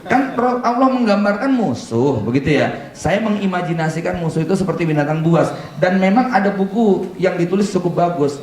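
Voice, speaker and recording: A middle-aged man giving a seminar talk as an Islamic preacher, asking rhetorical questions, adding humorous asides and reciting Arabic verses. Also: sits high. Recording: echoey hall, mic from far off.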